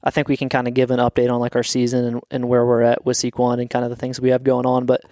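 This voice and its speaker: A man's voice: mid-range voice, completely flat delivery, fast talker, warm tone, no echo, clean studio sound. A man from Atlanta co-hosting a podcast in easygoing, rambling casual chat. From Atlanta, USA. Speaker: podcast co-host.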